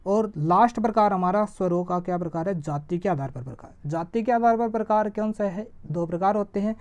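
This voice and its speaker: A woman teaching an exam-prep grammar lesson. She asks a question and answers it herself, and she draws vowel sounds out slowly to show them. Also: mid-range voice, a little mellow. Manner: stretches vowels slowly when demonstrating sounds.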